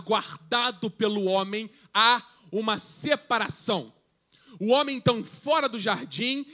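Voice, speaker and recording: At a church youth service, a pastor reads scripture aloud and jokes with the congregation as he preaches conversationally. His voice is very high-pitched and sharp.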